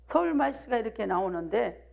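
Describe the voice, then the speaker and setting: Very animated and brisk, this slightly high, somewhat mellow voice with vocal fry belongs to a Jeolla-accented woman pastor from South Jeolla, Korea. During a live midweek sermon she pushes the congregation with rhetorical questions and cries of "do you believe?".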